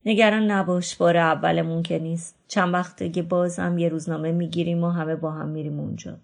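A woman voicing a kind, weary male newspaper editor, speaking calmly and gently in a book reading. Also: on the low side, gravelly. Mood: reassuring. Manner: calm, gentle reassurance. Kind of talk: audiobook reading.

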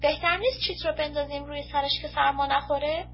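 A woman's voice: sits high, steady tone, a little hiss or hum. A woman reading a storybook, voicing a kind-hearted traveler in a tender, pleading way. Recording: muffled lo-fi recording.

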